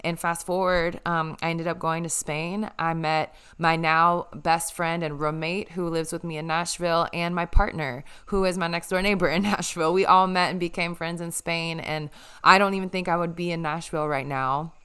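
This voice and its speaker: A woman's voice: fairly low pitch, fairly even intonation, normal speed, pushed and bright, smooth. Earnest young woman hosting a podcast. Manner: emotional, earnest, grateful. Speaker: podcast host. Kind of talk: casual heartfelt chat.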